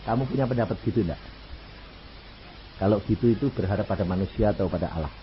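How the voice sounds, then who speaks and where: A man with a Javanese accent preaching a sermon, telling a story and acting out the voices in it. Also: fast. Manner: animated, acts out dialogue with wide pitch swings. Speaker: evangelist preacher. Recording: muffled lo-fi recording with faint noise.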